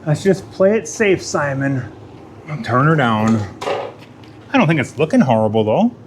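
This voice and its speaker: Guy rambling to himself in his garage while he welds, jokey and self-deprecating, mid-pitched voice, bit of shop noise behind. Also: sing-song, unhurried. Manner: muttering asides, sometimes whispering. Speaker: garage channel host. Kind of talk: casual self-narrated shop vlog. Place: home garage workshop.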